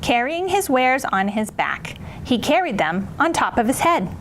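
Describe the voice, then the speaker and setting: A woman's voice: sits high, big pitch swings, moderate pace. A woman hosting a children's storytime, speaking in a playful, theatrical kids' entertainer manner directly to young listeners. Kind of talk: animated children's story reading and presenting. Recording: clear background noise.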